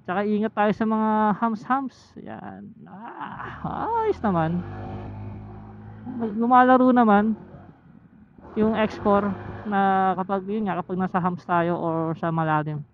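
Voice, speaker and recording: Out riding his motorcycle, a Filipino-accented motovlogger thinks aloud about camera gear in a mid-range voice, using short, stop-start phrases in a casual chat. The tinny helmet intercom headset picks up plenty of road noise.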